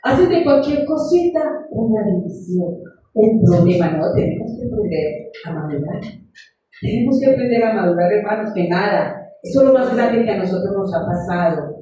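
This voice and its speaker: A woman's voice: medium pitch, expressive, normal speed, dark tone, slight background noise. A woman preaching a sermon, earnest and story-driven, calling her congregation beloved. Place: church. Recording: echoey room, far from the mic.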